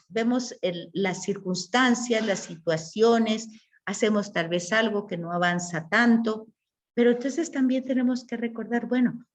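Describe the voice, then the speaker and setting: Woman teaching a Bible class. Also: mid-range voice. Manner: explanatory, asks the class rhetorical questions. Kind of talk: class lecture.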